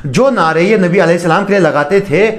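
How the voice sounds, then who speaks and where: A man's voice: sits high, fairly quick. A man hosting a critical commentary video, speaking in a mocking, sarcastic way. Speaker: online commentator.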